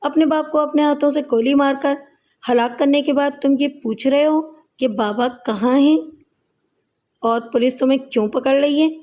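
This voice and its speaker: A gruff, scornful male police inspector who barks orders and scolds his suspect in a storybook reading, as a woman narrator puts him on. His voice sits high and mellow, and every line comes out commanding. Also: lightly acted. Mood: stern.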